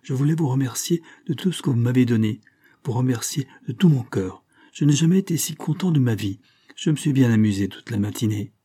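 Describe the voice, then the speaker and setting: A man voicing an eager young boy in a read-aloud storybook, lively and earnest. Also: medium pitch, a little fast, husky. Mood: excited. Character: eager, bright young boy, a little lord.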